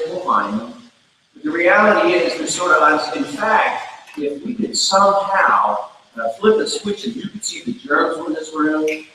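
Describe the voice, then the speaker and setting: A man's voice: on the high side, fairly bright tone, a little hiss or hum. A man preaching a sermon in a folksy, conversational storytelling way, in a church sanctuary. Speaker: pastor. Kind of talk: sermon with a joke. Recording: echoey church hall from far off.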